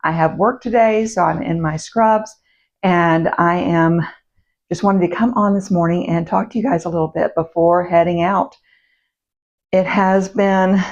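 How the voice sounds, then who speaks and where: Chatty woman with a morning voice. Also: lowish voice. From United States. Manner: chatty and meandering, with fillers and self-corrections. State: morning voice, slightly rough. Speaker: vlog host. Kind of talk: casual chat to camera. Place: home, indoors. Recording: dull, muffled sound.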